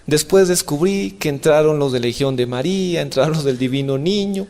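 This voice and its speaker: A young man preaching an emotional testimony sermon, impassioned and pleading, his voice rising to high cries. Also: normal speed, warm tone. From outside Colombia.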